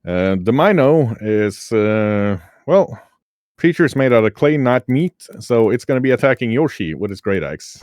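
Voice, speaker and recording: A man running a tabletop game as game master, narrating turns in a relaxed, wry, chatty way. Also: mid-range voice, measured pace, no room sound.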